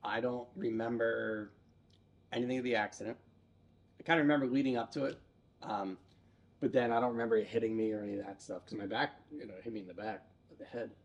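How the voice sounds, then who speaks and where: A man's voice: mid-range voice, steady tone, fast. A middle-aged man telling his life story as an interview guest, joking and self-deprecating in a casual chat. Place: in a theater building.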